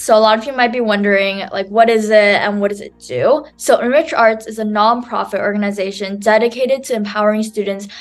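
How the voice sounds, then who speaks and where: A woman student raised in New York presenting her nonprofit at an online conference over a video call, talking in a chatty way full of "um" and "like". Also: medium pitch. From New York City, USA.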